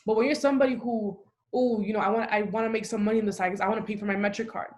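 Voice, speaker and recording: A young woman from the Dominican Republic chats casually on a podcast. She talks in a loose, emphatic way, leaning on "like" as a filler. Her voice sits at an ordinary middle pitch. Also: fairly even intonation, rapid-fire. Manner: talkative, frequent "like" fillers, emphatic. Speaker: podcast host.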